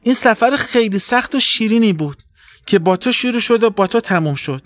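A man's voice: high voice, animated, a bit bright, pitched above the performer's own voice. A man doing a sweet little young fish. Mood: grateful. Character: small young fish, eager and affectionate. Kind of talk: storybook character voice.

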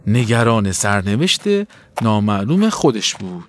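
A man narrating a children's story in an expressive, dramatic way. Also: lowish voice.

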